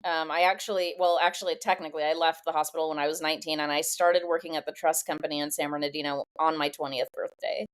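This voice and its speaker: A woman guest with a slightly low, even voice shares her life story on a podcast. She speaks candidly and reflectively, pausing and reaching for words with frequent fillers as she goes. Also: smooth. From Southern California. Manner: thoughtful, candid, halting with many fillers.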